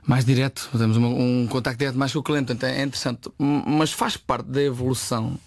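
A man's voice: medium pitch, fairly even intonation, quick pace, no echo. A man from Portugal with a European Portuguese accent, a chef answering interview questions, often repeating words as he searches for them.

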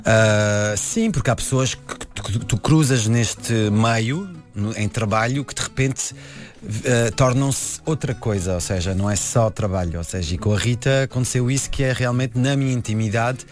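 A man's voice: medium pitch, normal speed, soft background music. Hesitant Paris-born man, restarting sentences. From France. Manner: hesitant, many restarts and repeated words. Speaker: film director. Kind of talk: conversational interview.

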